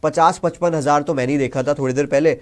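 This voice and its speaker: A man's voice: on the high side, steady tone, fast, a little mellow. A man with an Indian accent hosting a casual cricket discussion, explaining the news in simple terms and reading English reports aloud. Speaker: cricket show host.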